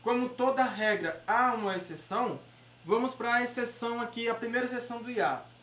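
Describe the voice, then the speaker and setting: Her voice is slightly high and fairly bright, and she talks fairly quickly. A woman with a Brazilian Portuguese accent, she teaches an exam-prep grammar class, explaining methodically and checking in with "beleza?" and "certo?" The mic is far away and the room echoes.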